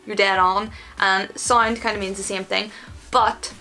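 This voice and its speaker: Bright-voiced Northern Irish woman, casual and chatty. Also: mid-range voice, flat delivery, unhurried, soft background music, low-quality recording. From Northern Ireland. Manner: informal, acts out short example exchanges. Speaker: host of an online video channel. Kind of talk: casual, chatty explainer of slang.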